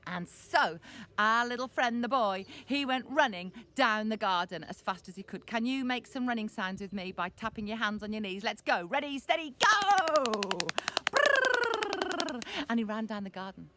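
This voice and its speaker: A woman telling a children's story, lively and asking the little ones questions. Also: mid-range voice, normal speed.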